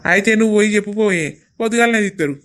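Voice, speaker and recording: A man's voice: high-pitched, rapid-fire, fairly bright tone. A man with a Telangana Telugu accent acting in a village comedy skit, talking in teasing, jovial banter.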